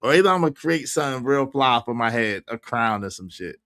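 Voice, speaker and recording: A man near fifty runs a casual livestream, reacting to viewer comments with laughter and lively chat. His mid-range voice is fairly bright, with lively intonation and a brisk pace.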